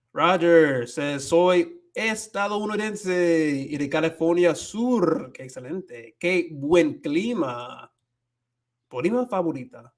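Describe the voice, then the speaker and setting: An American man hosts a livestream teaching Spanish, speaking slowly in a slightly high voice. Reading viewer comments in casual chat, he switches between Spanish and English, stumbling and searching for words.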